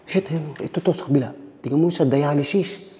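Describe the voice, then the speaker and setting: A man's voice: on the high side, fairly quick. A man exploring an abandoned hospital, narrating nervously, cursing constantly and repeating himself. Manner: jittery, swears constantly, repeats words, drops to a hush. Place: empty hospital corridors indoors. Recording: echoey hall reverb, faint noise.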